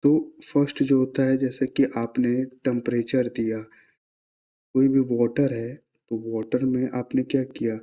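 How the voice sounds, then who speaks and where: A man's voice: medium pitch, little pitch movement, unhurried, warm tone. A man, teaching science in a casual classroom-style explanation, asking himself rhetorical questions and mixing in English terms.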